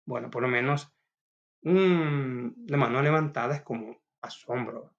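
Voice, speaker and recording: A man's voice: medium pitch, measured pace, gravelly, highs cut off. A man teaching a recorded school lesson. He talks casually and often asks "va?".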